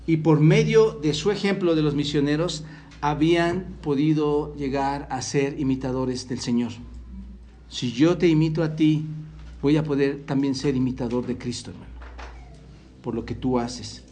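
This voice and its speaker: A man's voice: a little high, moderate pace, dark tone. A man from Mexico preaching a sermon as pastor, earnestly quoting scripture and putting questions to the congregation. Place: church hall.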